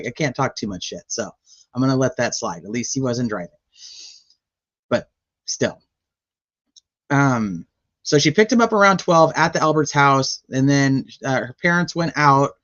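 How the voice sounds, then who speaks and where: A true crime channel host gives casual commentary recapping a trial, rambling and chatty with frequent fillers and laughs. Her voice is very deep yet a bit bright, and the highs are cut off.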